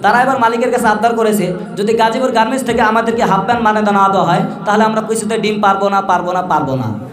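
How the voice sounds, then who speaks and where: Man playing a high-pitched, fast-talking parody news anchor. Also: crowd noise, lightly acted. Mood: mock-serious. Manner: mock-formal, rattled-off news delivery. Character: parody news anchor reading absurd bulletins, mock-serious. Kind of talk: parody news bulletin, performed on stage. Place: echoey room or hall at a madrasa event. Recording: echoey event-hall recording.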